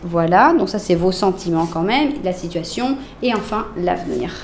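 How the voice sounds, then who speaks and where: A woman with a French accent doing a casual tarot reading, talking straight to her viewers with lots of fillers and often dropping to a soft murmur as she lays out cards. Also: lowish voice, expressive, moderate pace, creaky, slight background noise. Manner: chatty, addresses viewers directly, many fillers. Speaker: tarot reader.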